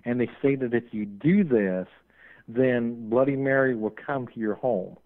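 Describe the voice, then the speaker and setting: A man's voice: medium pitch, a little slow. A man being interviewed as a paranormal investigator on call-in radio, talking at length and running on in a rambling way. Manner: talkative, rambling, admits he runs on. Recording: tinny phone line.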